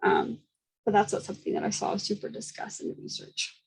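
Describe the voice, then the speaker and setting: A young woman giving a seminar talk, speaking quickly with frequent fillers and small laughs. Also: rough recording. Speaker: student presenter.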